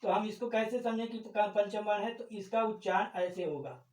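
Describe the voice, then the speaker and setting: A man's voice: high voice, fairly even intonation, normal speed, a little mellow, far from the mic. A man teaching Hindi grammar. He explains step by step, repeats the key terms and keeps asking questions that he answers himself. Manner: asks the class questions and answers them himself. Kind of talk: classroom-style lesson. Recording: echoey room, voice off-mic.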